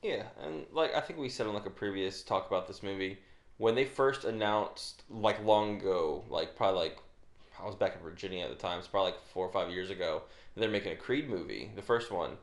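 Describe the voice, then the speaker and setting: A man's voice: sits low, a little fast, echoey room. A man co-hosting a casual film chat who rambles and restarts his sentences, staying upbeat. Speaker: podcast co-host.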